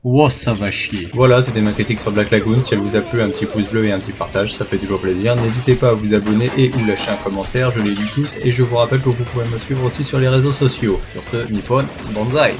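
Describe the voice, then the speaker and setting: A man's voice: fairly low pitch, steady tone, quick pace, few pauses, over music. A man hosting a comedic anime review in a scripted style, with sarcastic asides to himself. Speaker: anime reviewer, channel host.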